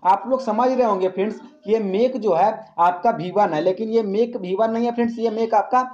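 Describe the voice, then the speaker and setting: A man's voice: high voice, a little mellow, lo-fi sound. A man teaching an exam-prep English grammar lesson. He asks the class questions, answers them himself, and keeps calling his listeners friends. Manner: calls listeners "friends" often; reads English example sentences slowly.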